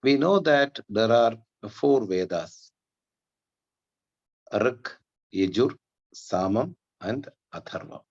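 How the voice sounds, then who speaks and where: A man, giving an online Vedanta lesson in a measured explanatory way, with chanted Sanskrit prayers. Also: mid-range voice, lively intonation, highs cut off. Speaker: Vedanta teacher. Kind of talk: online class lecture.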